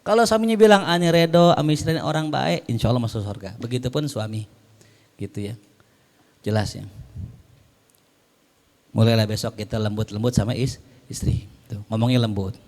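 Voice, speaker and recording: A man gives a relaxed religious lecture. He reads Arabic lines and then explains them in slangy everyday speech, often with jokes. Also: medium pitch, moderate pace, long pauses. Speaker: Islamic preacher.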